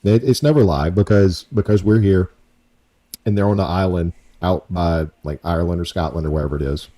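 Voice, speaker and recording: A man's voice: low voice, fairly quick, dark tone. A man hosting a podcast in a casual, rambling way, often repeating himself. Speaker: podcast host. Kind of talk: casual chat.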